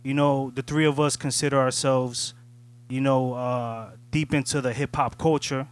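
A man's voice: medium pitch, level tone, normal speed. A man co-hosting a casual podcast chat, talking in a reflective way and often asking "you know what I'm saying". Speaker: podcast co-host.

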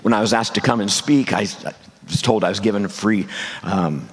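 An older man delivers a sermon in a low, gravelly voice that is hoarse and worn thin. He phrases things deliberately and carefully. The sound carries the long reverb of a big hall. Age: 60s or older. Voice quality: gravelly, husky. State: hoarse, voice nearly gone. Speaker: guest preacher. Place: large church room, speaking to congregation.

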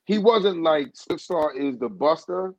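In this interview, the guest singer uses a high-leaning, expressive voice at a measured pace to tell a long, casual story. He restarts frequently and leans on "you know what I'm saying," with a dull, dry, muffled, echo-free recording.

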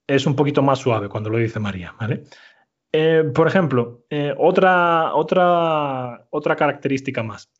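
A man's voice: medium pitch, slightly rough, muffled recording. Male Spanish teacher explaining patiently. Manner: explanatory, frequent "¿vale?" checks. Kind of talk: language lesson.

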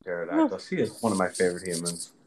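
A man with a somewhat low voice co-hosts a casual podcast chat. He rambles through his points with false starts and frequent laughter. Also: wildly swooping pitch, fast, a little hiss or hum. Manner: rambling, restarts, laughs often. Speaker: podcast co-host.

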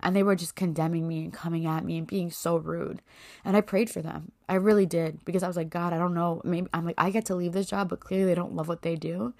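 A woman's voice: lowish voice, fairly even intonation, fast talker, a little mellow. A woman in her thirties hosting a personal faith podcast, talking in a heartfelt, rambling way full of "like" and "you know". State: voice cracking with emotion. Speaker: podcast host.

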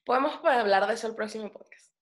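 A young woman with a Venezuelan accent and a high-pitched voice. She answers her co-host with short, dry, teasing remarks in a relaxed podcast chat. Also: quick pace. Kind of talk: casual chat.

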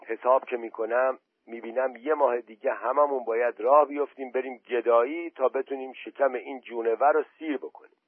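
A man's voice: mid-range voice, steady tone, husky, no echo, voice pushed up, lightly acted. A man reading aloud as a blunt, bossy village man in a story, speaking firmly with a raised voice. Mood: insistent. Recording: dry, tinny phone-quality audio.

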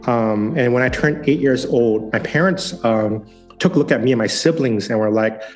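A young adult man, a former software engineer turned digital missionary who was born in San Francisco and partly raised in Hong Kong, shares his life story as a guest. Speaking at normal speed in a mid-range voice, he tells it casually and earnestly, acting out what he and others were thinking, over faint music on a low-quality recording.

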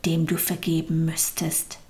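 Brief: woman reading a soft-spoken patient God for a storybook, calm, hushed, slow. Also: low voice, voice pushed down. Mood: gentle. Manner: calm, soft, partly whispered. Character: gentle, patient God speaking to a soul.

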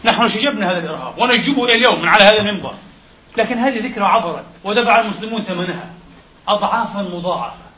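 A man's voice: sits high, expressive, very fast, pushed and bright, echoey room, lo-fi sound. A middle-aged man preaching a fiery, indignant sermon in a mosque, full of rhetorical questions, then leading a supplication.

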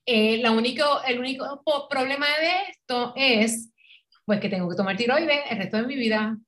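Animated Puerto Rican woman, fairly high voice. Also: normal speed. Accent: Puerto Rican Spanish. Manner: animated storyteller, acts out quoted dialogue, laughs often. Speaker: podcast guest. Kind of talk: casual interview conversation.

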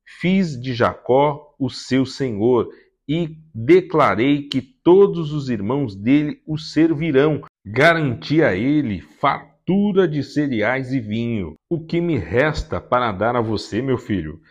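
A grave, aged father pronounces his words slowly, his voice rising and falling broadly, as a man reading scripture puts him on. The delivery is unhurried and weighty. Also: medium pitch, lively intonation. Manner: slow, solemn pronouncing of a blessing. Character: aging blind father, solemn and grave.

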